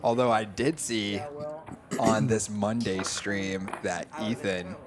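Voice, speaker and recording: A young man commentating a live poker stream in a relaxed, analytical way. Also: on the low side, slow pace. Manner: easygoing, analytical. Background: crowd chatter of a poker room.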